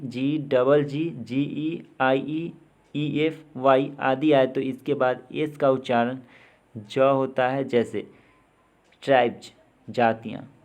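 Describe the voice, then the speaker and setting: Male language teacher, unhurried lesson delivery, reads each word and its meaning slowly. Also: medium pitch, a little mellow. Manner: reads words with their Hindi meanings, one by one; slow and deliberate, repeats words. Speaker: English teacher. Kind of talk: spoken pronunciation lesson.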